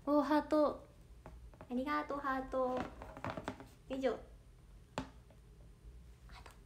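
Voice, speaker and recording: A woman's voice: high-pitched, little pitch movement, slow pace, creaky, noisy background. A 21-year-old woman with a Kansai Japanese accent, chatting casually on a livestream as an idol audition candidate, reading viewer comments aloud and giggling often. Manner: bubbly and giggly, with frequent laughter.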